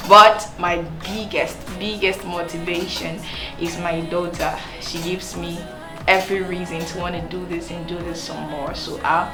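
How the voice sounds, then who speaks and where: A woman from Cameroon, a singer talking earnestly about her career, often restarting and repeating words. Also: lowish voice. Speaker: singer and songwriter. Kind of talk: to-camera interview talk. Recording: echoey room with music underneath.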